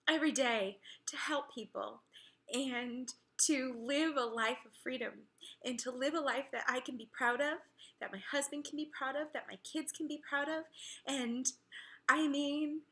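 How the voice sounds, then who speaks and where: A woman in her thirties, a fitness coach, talks straight to the camera in a chatty and heartfelt way. Her voice sits a little high and sounds very bright and forceful, with plenty of fillers along the way. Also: fairly even intonation, moderate pace. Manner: emotional, tearful at times, chatty with many fillers. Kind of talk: heartfelt personal talk to camera.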